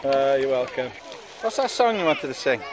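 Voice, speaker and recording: A man's voice: medium pitch, sing-song, moderate pace, very noisy. Upbeat jokey man filming a beach vlog. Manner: upbeat, jokey running commentary. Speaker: family vlogger. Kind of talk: casual family vlog chat. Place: outdoors on a seaside beach. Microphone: handheld phone camera.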